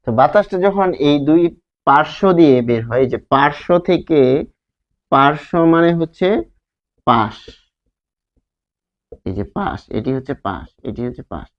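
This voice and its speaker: A man's voice: a little high, animated, normal speed, pauses often. A male teacher from Bangladesh giving a grammar lesson, asking and answering his own questions and drawing out sounds to demonstrate them. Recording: slightly dull lo-fi sound.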